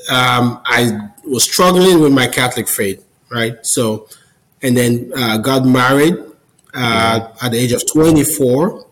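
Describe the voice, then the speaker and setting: A man's voice: mid-range voice, fairly bright tone, rough recording. A man in his forties from Cameroon, a podcast guest on a video call, telling his personal story in a friendly, earnest way. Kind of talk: casual interview storytelling.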